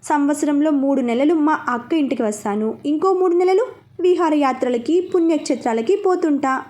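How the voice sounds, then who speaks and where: A woman's voice: high voice, moderate pace, darkish tone, close to an everyday voice. A woman voicing a boastful, idle middle-aged uncle in a storybook reading.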